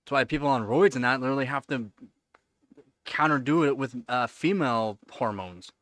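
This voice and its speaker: On his livestream, a host in his thirties rambles casually through viewer questions, full of fillers and repeated words. His mid-range, fairly bright voice moves at a moderate pace, in clean studio sound with no echo.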